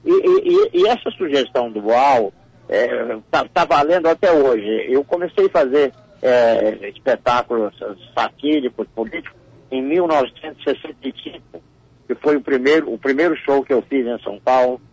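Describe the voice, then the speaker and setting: Gravelly older man, stammering repeats. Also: medium pitch, sing-song, normal speed, darkish tone, dry recording. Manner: repeats words often, storytelling. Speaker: comedian guest. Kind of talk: radio interview. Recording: muffled radio audio.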